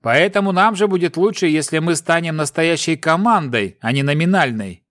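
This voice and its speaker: A man voicing a calm, earnest young man who tries to make peace in his team. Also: on the high side, moderate pace, no room sound, clean studio sound. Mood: persuasive.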